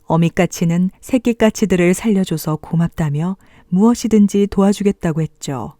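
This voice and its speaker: A woman narrating a bedtime fairy tale, gently and expressively, as if reading to a toddler. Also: on the low side, moderate pace, no echo, studio quality. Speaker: storybook narrator.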